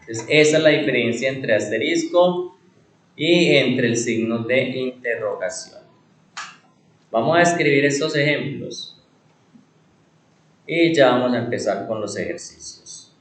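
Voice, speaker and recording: A male instructor teaching a computer class, asking rhetorical questions and answering them himself, repeating key words and slowing down on them for emphasis. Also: medium pitch, echoey room, a little hiss or hum, poor audio.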